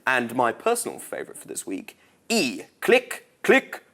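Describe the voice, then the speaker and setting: A man's voice: mid-range voice, measured pace, gravelly. A man presenting a television gaming show, casual and lightly joking as he reads out news and releases. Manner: relaxed, lightly joking delivery.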